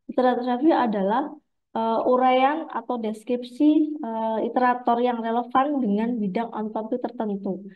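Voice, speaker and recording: A woman lecturer with a cold, stuffy and a little hoarse, walks students through her material at a patient pace with plenty of hesitant fillers. Her voice comes through a tinny, phone-like online call line. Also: on the high side, fairly even intonation, moderate pace. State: has a cold. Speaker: university lecturer. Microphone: video call.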